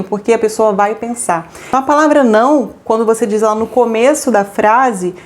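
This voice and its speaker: A woman co-hosting a family advice talk, lively, acting out examples of what parents say. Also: on the high side. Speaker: co-host giving family advice. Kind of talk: casual talk to viewers.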